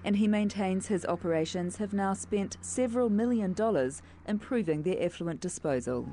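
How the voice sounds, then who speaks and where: A woman's voice: mid-range voice, moderate pace, warm tone, a little hiss or hum. A woman with a New Zealand accent narrating a scripted television current affairs report.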